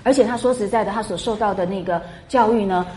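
A woman lecturing a class on a classic novel, chatty and animated, full of rhetorical questions. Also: mid-range voice, fast. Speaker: literature lecturer. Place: classroom with students.

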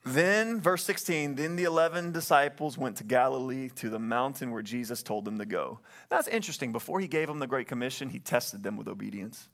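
A pastor preaches a sermon earnestly from the stage of a church sanctuary, often calling for an amen and repeating phrases, picked up by a stage microphone. His mid-range voice is fairly quick, creaky, and fairly bright, with few pauses.

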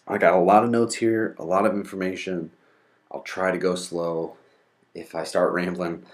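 A deep-voiced man with a darkish tone hosts a podcast, congested from a cold. He's methodical, explaining the basics step by step and defining terms as he goes.

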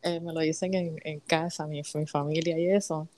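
A middle-aged woman from Puerto Rico with a Puerto Rican accent, chatting as a guest in an interview, friendly and halting with restarts. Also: sits low, flat delivery, mellow, a little hiss or hum. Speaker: sports commentator, guest. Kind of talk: casual interview chat.

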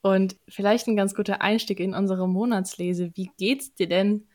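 A woman from Lower Franconia hosting a podcast, chatting playfully and mixing in English words. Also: steady tone, normal speed, a little mellow. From Lower Franconia, Germany. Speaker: podcast host. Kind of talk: casual podcast chat.

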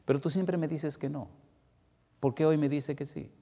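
A male preacher voices an elderly, ailing mother, low and hushed. She is stern but worn soft, and her quiet words carry through a reverberant church hall. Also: fairly even intonation, moderate pace. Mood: tender.

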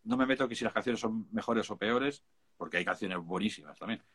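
A man's voice: on the low side, a little fast, a bit bright, slightly rough. A man with a Spain Spanish accent, a music producer chatting casually, emphatic and full of slang. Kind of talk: casual chat.

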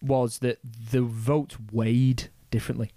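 A man's voice: medium pitch, level tone, takes it slowly, mellow, no room sound, clean studio sound. A man casually explaining history on a podcast, rambling and swearing, with many restarts. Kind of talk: casual chat.

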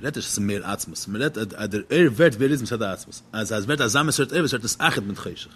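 A man's voice: lowish voice, animated, quick pace, noisy background. A man giving a religious text lecture as a teacher, posing questions and then answering them.

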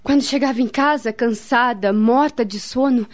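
In a dull, lo-fi radio drama recording, an actress with a slightly high, everyday-sounding voice speaks at normal speed with a Brazilian accent. She plays a grave, devout woman friend who solemnly and earnestly counsels someone and recalls a family tragedy, her mood sorrowful.

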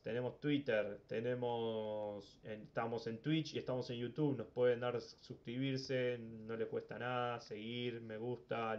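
A Uruguayan man hosts a laid-back sports talk podcast, his medium-pitched voice coming through with the highs cut off. He rambles and often repeats words while he thinks.

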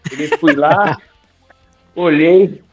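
A young man, a singing teacher, telling animated, slangy stories in a podcast interview and acting out his own old lines. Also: a little high, drawn-out words, breathy edge. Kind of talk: casual storytelling in a podcast interview. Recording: tinny phone-like sound with faint music.

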